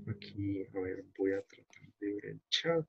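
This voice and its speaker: A man with a Colombian accent leads an online workshop, explaining a web page as he shows it on screen. He talks in a halting, unhurried way, full of fillers and restarts. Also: on the low side, animated, creaky, a little mellow, breathy edge, dry recording. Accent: Colombian Spanish. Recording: dull, dry video-call audio.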